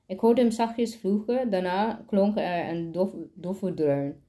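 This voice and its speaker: A woman reads a children's novel aloud in a mellow, warm voice at a middling pitch. She stumbles often, breaking off words and starting them again. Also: takes it slowly. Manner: stumbling reading with frequent restarts.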